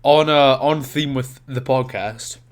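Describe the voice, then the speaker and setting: A young man co-hosts a casual podcast while sick with a cold, so his voice sounds nasal and stuffed up. His pitch sits in the middle for a man. He rambles and trips over his words as he talks. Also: unhurried. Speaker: podcast co-host.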